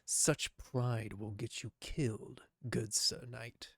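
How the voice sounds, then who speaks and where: Casting: a man as a grave, honorable game swordsman; low, gravelly growl, formal old-fashioned threats. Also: steady tone, takes it slowly, dry recording. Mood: solemn warning. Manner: grave, archaic, formal delivery. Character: stern, honorable swordsman reading out threats to a knight. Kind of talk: video game dialogue read aloud.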